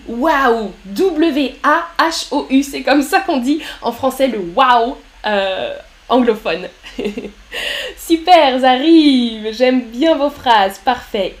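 A woman teaching her language on a live stream, cheerfully reading out viewers' chat messages and correcting their punctuation. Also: sits high.

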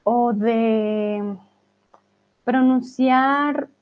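Tinny-sounding Spanish teacher woman, laughing often. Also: on the high side. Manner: laughs often, speaks slowly and clearly. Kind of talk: live class answering viewer chat.

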